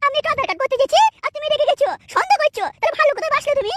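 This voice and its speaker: A woman's voice: very high-pitched, lively intonation, racing, fairly bright tone. A woman voicing an indignant, quarrelsome wife in a comic cartoon dub. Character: touchy, indignant young wife.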